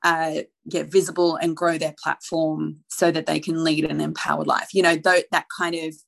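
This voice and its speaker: This woman has a low, level, fairly bright voice with vocal fry, spoken at normal speed. She's a brand strategist and mentor guesting on a podcast, earnestly explaining her thinking in casual conversation, asking rhetorical questions, and using many fillers such as "you know."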